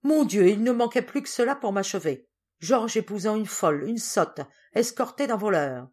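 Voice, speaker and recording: A woman reading the part of an anxious, quick-tempered father, in an excitable, exclamatory way. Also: fairly low pitch. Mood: agitated.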